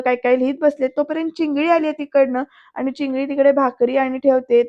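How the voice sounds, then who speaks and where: A woman's voice: high-pitched, no echo. A woman with a Marathi accent narrating a voice-over recap of a TV serial and speaking straight to the viewers. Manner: lively storyteller, addresses viewers directly. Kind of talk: voice-over episode recap with acted quotes. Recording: dry, dull lo-fi voice-over.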